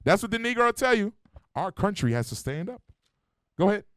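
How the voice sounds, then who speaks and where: A man preaching in a high voice with a blunt, slangy, profane delivery. He keeps challenging the room with rhetorical questions. The sound is dry and close. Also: sing-song, brisk, fairly bright tone, no echo. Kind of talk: street-style sermon. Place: church meeting hall.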